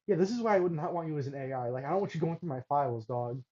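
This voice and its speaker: A man co-hosting a reaction channel teases his friend during a show reaction, using slangy, casual talk and laughing a lot. He talks very fast in a slightly high, dark-toned voice, and the highs are cut off.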